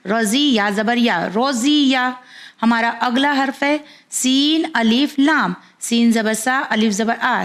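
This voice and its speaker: A woman teaching Quran reading to parents, patiently sounding out syllables one by one. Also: fairly high pitch. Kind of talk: slow spelled-out letter-by-letter instruction.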